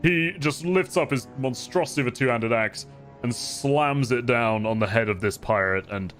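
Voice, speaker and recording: A man's voice: mid-range voice, normal speed, fairly bright tone, soft background music. A man running a tabletop game as game master, narrating the fight in vivid detail and laughing often.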